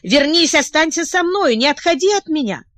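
A woman's voice: sits high, animated, normal speed, a bit bright, dry recording, clean studio sound, voice pushed up. A woman reading the part of an anxious, tearful young princess who pleads and asks breathless questions.

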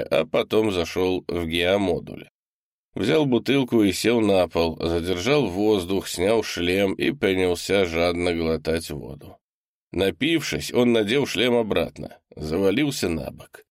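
A man narrating an audiobook in a steady, measured way. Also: low voice, no echo, studio quality.

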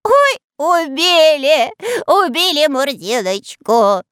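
Woman reading as tiny bragging cowardly male elf, shrill and high, loud, storybook. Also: very animated, slow, no echo, clean studio sound, full character voice. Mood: wailing. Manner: shrill, wailing, boastful.

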